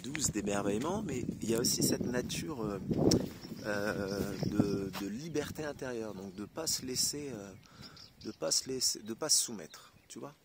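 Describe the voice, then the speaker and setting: A man's voice: fairly low pitch, expressive, moderate pace, heavy background noise. A man from France talking casually to camera in a loose, rambling way, full of fillers. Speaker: vlogger. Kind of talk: casual spiritual monologue to camera.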